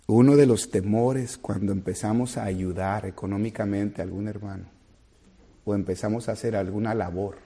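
A man preaching a sermon as a pastor, earnest, climbing to loud emphatic peaks and then falling soft and low. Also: breathy edge.

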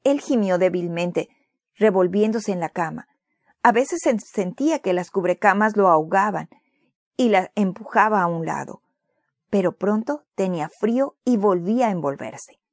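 A woman reading a children's story aloud in a clear, expressive way. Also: medium pitch, no echo, clean studio sound.

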